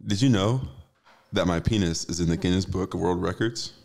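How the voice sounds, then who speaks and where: Young man, very low creaky voice, smutty joker. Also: a little fast, a little mellow. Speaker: joke teller. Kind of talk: dirty joke-telling in casual banter.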